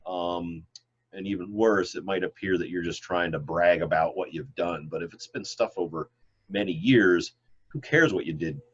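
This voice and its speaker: Through dull, lo-fi video call audio, a middle-aged man with a low, husky voice teaches biology at a moderate pace. He says he's congested and runs his online lecture and questions loosely, rambling and filling gaps with many fillers.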